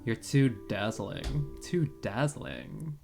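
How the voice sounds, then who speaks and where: A woman's voice: extremely low pitch, very slow, vocal fry, music in the background, full character voice. A woman voicing a stern, no-nonsense female apothecary owner with a put-on Valley Girl voice, curt and dry. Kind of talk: voice-acting a visual novel.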